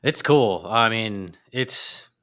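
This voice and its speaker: A man with a deep voice and a bright, forceful edge talks as a guest on a podcast. He sounds lively and enthusiastic in casual conversation, with animated asides. His tone stays bright throughout. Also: drawn-out words.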